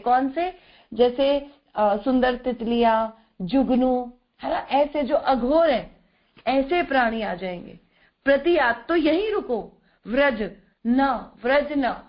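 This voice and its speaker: A woman explaining scripture verses in an online class, asking rhetorical questions and checking in with her listeners as she goes. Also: sits high. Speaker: devotional scripture teacher. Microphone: video call. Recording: dull lo-fi online call audio.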